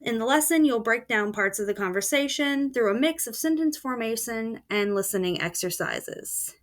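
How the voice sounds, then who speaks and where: This screen-recorded tutorial features a female student presenter, fairly high-voiced, who walks through every feature one step at a time. She keeps a moderate pace and a steady, plain delivery.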